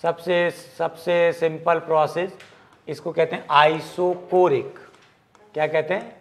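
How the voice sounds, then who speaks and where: Guy teaching physics, fairly high voice, jokey, throws in english words. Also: unhurried, vocal fry. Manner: lively, jokey, mixes English terms into Hindi. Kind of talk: classroom lecture.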